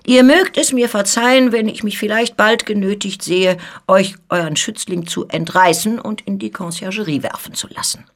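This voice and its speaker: A woman's voice: medium pitch, moderate pace, hardly any pauses, lightly acted. A woman reading as a cold, menacing police president. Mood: insinuating. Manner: menacing, insinuating. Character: stern cold older male police president.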